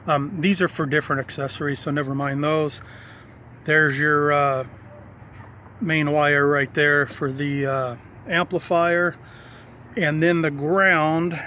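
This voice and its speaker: With a voice on the high side, pushed and bright, this man walks through a radio installation as a hobbyist presenter. The tour is casual, unscripted and hands-on, his explanations matter-of-fact, with a little hiss or hum on the recording.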